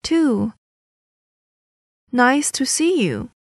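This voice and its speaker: Slow, careful woman reading test items. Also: high-pitched, big pitch swings, no room sound, studio quality. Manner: careful, each sentence read twice. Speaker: listening test reader.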